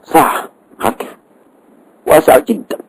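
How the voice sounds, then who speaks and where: Slow, deliberate male grammar teacher. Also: dry recording, poor audio. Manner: deliberate, repeats key words, prompts with short "ha" tags. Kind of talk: explanatory lecture on a verse text.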